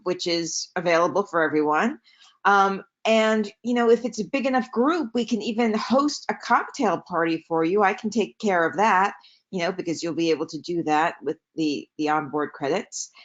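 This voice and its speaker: A woman teaching a live webinar over a video call, chatty and quick to correct herself as she goes. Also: mid-range voice. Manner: chatty, self-correcting, lively asides. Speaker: webinar trainer. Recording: slightly dull, lo-fi webinar audio.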